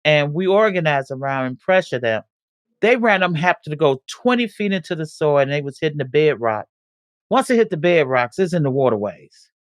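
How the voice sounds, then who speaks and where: A man with a somewhat high voice is interviewed and recounts what his community went through, plainspoken and earnest. The sound is dry, with no room echo. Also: expressive, fairly quick. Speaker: community organizer.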